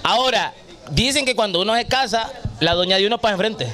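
A man's voice: high-pitched, brisk, bright, forceful tone, soft background music. A man in his thirties co-hosting a podcast, teasing and joking in casual chat. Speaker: podcast co-host.

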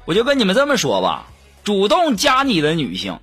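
A man hosting a radio comedy show, telling jokes in a lively storyteller's way and acting out the dialogue. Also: sits high, brisk. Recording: music bed behind the voice. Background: upbeat background music.

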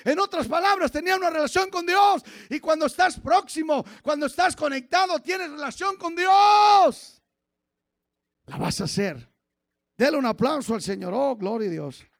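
A pastor preaching a fiery sermon, his voice pitched very high with a gravelly edge. He swings from low murmurs to shouted exhortation and keeps calling the congregation "hermano". The recording is dry and close, with little room sound. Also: expressive, normal speed, no room sound. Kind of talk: fiery Pentecostal-style sermon.

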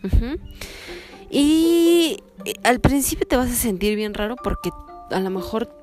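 A woman hosting a self-help podcast, giving practical advice in a lively, coaching way and acting out little scenes. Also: on the high side, a little slow, faint music behind. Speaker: podcast host.

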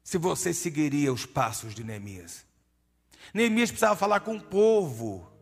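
Male preacher, high voice, emphatic and direct with the congregation, hall reverb and soft music behind. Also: big pitch swings, normal speed, vocal fry. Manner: emphatic, addresses listeners directly as "my dear". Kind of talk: sermon.

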